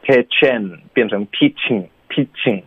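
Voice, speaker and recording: A male pronunciation teacher on a radio show, correcting students slowly and patiently, drilling single sounds. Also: on the low side, breathy edge, no echo. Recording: tinny phone-line voice.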